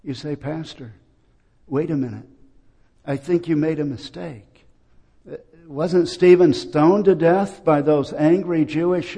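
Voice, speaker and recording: A man delivers a sermon with a slow, deliberate pace, stopping between phrases for effect. His voice is mellow and a little higher than most men's. He sounds like a pastor addressing his congregation. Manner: slow, measured preaching with dramatic pauses.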